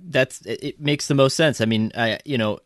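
A man's voice: mid-range voice, normal speed, no room sound, clean studio sound. A man co-hosting a sports podcast in a loose, rambling way, with frequent restarts. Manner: rambling, lots of ums and restarts. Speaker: podcast co-host. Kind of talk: casual sports podcast chat.

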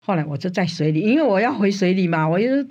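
A woman's voice: quick pace, muffled recording. Older woman. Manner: animated storyteller, frequent "hā" and "āi" fillers, rising pitch in tense moments. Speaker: interview guest. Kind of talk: personal faith testimony in an interview.

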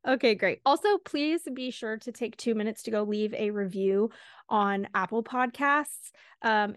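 A woman hosting a casual solo podcast, chatty and quick, a little out of breath, laughing between words. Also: mid-range voice, gravelly, no echo, studio quality. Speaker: podcast host.

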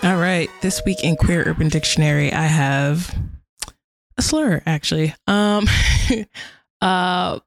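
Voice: medium pitch, slow pace, creaky, no echo, faint music behind. Podcast co-host, from the northern US, casual, self-deprecating, lots of fillers, dry close sound. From northern United States.

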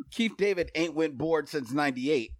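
A man's voice: fairly high pitch, dry recording, clean studio sound. A man co-hosting a podcast in casual chat, curious and questioning, reading aloud at times. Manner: curious, questioning, quick to laugh. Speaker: podcast co-host.

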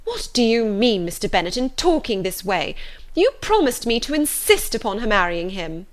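A woman voicing a fretful, excitable middle-aged mother in an audiobook, urgent and exclamatory. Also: mid-range voice, normal speed, lightly acted. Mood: agitated, urgent. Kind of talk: audiobook character voice.

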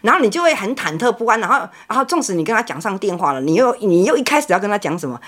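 A woman's voice: mid-range voice, rapid-fire. A woman, telling her own story in a casual podcast chat and acting out the phone calls she recalls. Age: 50s. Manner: animated, acts out quoted phone calls.

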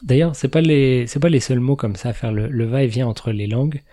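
A man's voice: mid-range voice, brisk, dark tone. A man hosting a podcast in a casual, explanatory chat, laughing now and then at his own remarks. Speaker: podcast host.

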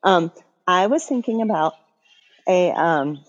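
A woman's voice: fairly low pitch, lively intonation, slow, muffled recording. A woman middle school teacher co-hosting a podcast, telling chatty anecdotes with laughs. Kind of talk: casual chat.

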